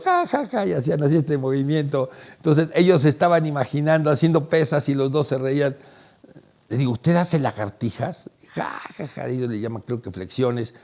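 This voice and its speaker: Middle-aged man telling stories. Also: mid-range voice. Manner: animated, acts out quoted voices, laughs while telling. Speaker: host, storyteller. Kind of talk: casual anecdotal storytelling.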